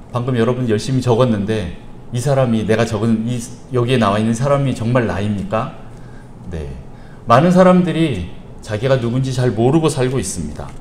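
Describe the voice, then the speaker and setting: A man preaching a sermon as pastor in a church sanctuary, telling stories in an animated, playful way. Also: medium pitch. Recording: echoey church hall, faint hiss.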